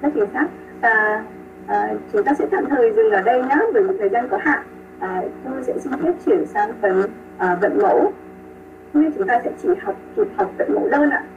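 A woman teaching pronunciation online over a video call. She models sounds slowly, repeats them and praises her students. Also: on the high side, lively intonation, recorded from a distance, background noise. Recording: tinny call audio with music behind.

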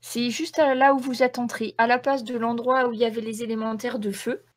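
A woman runs a tabletop role-playing game as game master, describing scenes like a storyteller. Her voice sits fairly high and the sound is close and dry. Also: flat delivery, fairly quick, no room sound.

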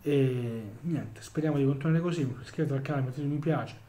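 A man giving a casual post-match football vlog, talking haltingly with many restarts and repeated words. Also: mid-range voice, mellow, a little hiss or hum. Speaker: football fan vlogger.

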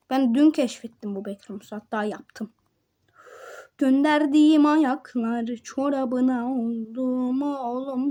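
A woman with a high-pitched voice comments on the game she is playing at a slow pace. She talks to her viewers like friends, with quiet muttered asides and frustrated outbursts. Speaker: gamer. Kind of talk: gameplay commentary.

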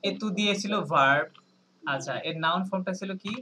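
Guy teaching french on a video call, kinda high voice, slow and patient, keeps checking "okay?", light hiss behind. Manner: explains slowly, checking in with "right?" and "okay?"; spells words letter by letter, mixing in English. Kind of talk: online language lesson.

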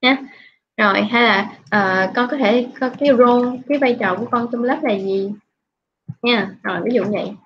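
A woman's voice: on the high side, moderate pace, dull audio, slight background noise. A woman English teacher with a Vietnamese accent, correcting a student's speaking and drilling word pronunciation.

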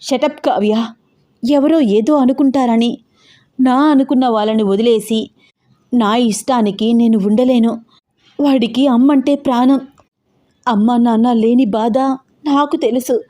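A woman voicing an emotional, fiery young bride who fires off rapid, agitated questions. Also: on the high side, steady tone, warm tone, lightly acted. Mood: insistent.

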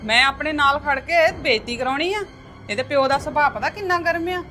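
A woman's voice: sits high, brisk, sharp tone, soft background music. A woman playing a stern middle-aged mother who lectures and curses her married daughter in a family drama. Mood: scolding.

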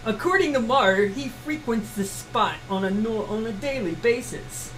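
A woman's voice: fairly high pitch, animated, moderate pace, a bit bright, a little hiss or hum, rough recording. A woman voicing a spunky, sarcastic young woman ex-gang bounty hunter in an amateur comic read-through. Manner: brash, sarcastic, slangy.

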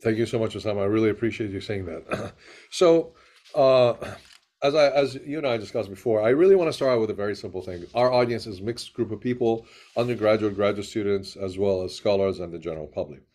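Fast-talking man hosting a webinar. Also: on the low side, dark tone. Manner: quick, with frequent uh fillers and restarts. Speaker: webinar host and interviewer. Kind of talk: introducing a guest and interviewing.

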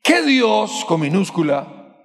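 A man preaching a sermon as pastor, questioning the congregation and rising to shouts at the peaks. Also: high voice, big pitch swings, slow, vocal fry. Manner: rises to shouting at climaxes. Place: large church sanctuary. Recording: long hall reverb from a church.

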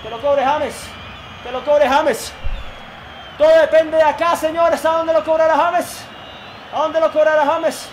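A young man with a Colombian accent calls his own video game match in a very high voice, shouting and groaning at every play. The recording carries clear background noise. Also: steady tone, measured pace, some chatter behind. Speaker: gaming YouTuber. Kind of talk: excited live gameplay commentary.

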